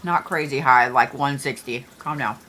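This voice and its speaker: A woman's voice: extremely low pitch, moderate pace, sharp tone, slight background noise. A middle-aged woman hosting an astrology livestream, chatting casually and joking with viewers, with the odd swear word.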